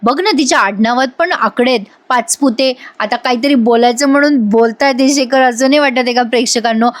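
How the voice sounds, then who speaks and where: A woman's voice: fairly high pitch, brisk. A woman narrating a chatty voice-over recap of a TV serial, talking straight to the viewers and acting out the characters' lines with small voice changes. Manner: chatty, addresses viewers directly.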